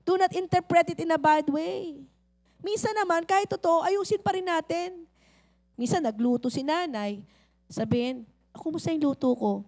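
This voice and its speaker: A middle-aged woman pastor with a Filipino accent, preaching a lively sermon that mixes in English, acting out little scenes and calling out to the crowd. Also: very high-pitched, moderate pace.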